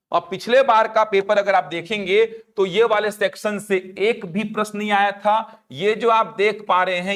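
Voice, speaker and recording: A male coaching teacher, explaining a syllabus in a classroom-lecture manner. His voice sits notably high for a man. He keeps pausing to ask whether students are following. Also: a bit bright.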